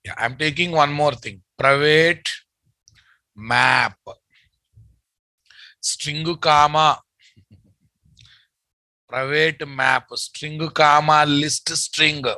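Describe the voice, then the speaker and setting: A very bright, forceful male voice with a Telugu accent, recorded dry and close. He speaks slowly as an instructor dictating code, repeating phrases and often checking that listeners follow. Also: fairly high pitch, steady tone, gravelly, no echo, poor audio. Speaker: programming instructor. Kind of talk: live online coding lesson, dictating code.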